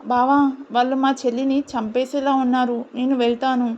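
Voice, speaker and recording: A woman's voice: sits high, little pitch movement, fairly quick, a little mellow, a little hiss or hum, lightly acted. A woman voicing a fretful young man worried for his sister, on a dull lo-fi recording. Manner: fretful, pleading.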